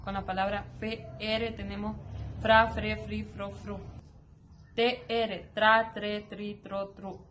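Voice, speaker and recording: A woman's voice: medium pitch, little pitch movement, slow, fairly bright tone. A woman giving a class presentation, reciting syllables and example sentences one by one. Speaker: student presenter. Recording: clear background noise.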